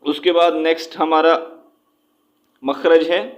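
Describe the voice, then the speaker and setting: Brief: male recitation tutor, slightly higher pitch, repetitive and patient, drawn-out demonstrations. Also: steady tone. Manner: repeats points, checks in with frequent "okay"; slows right down to demonstrate sounds. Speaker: Quran recitation teacher. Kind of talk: spoken lesson.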